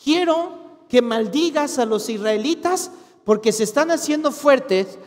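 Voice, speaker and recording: A man's voice: very high voice, animated, unhurried. A man voicing a bossy, impatient enemy king who speaks in casual Mexican Spanish slang. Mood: demanding. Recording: long hall reverb.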